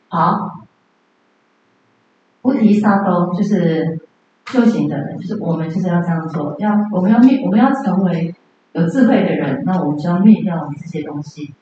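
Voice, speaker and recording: A woman's voice: fairly low pitch, dark tone, highs cut off, slight background noise. Woman teaching in a very echoey room. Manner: conversational, asks the class questions. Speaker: Buddhist sutra teacher. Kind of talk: lecture on Buddhist teaching.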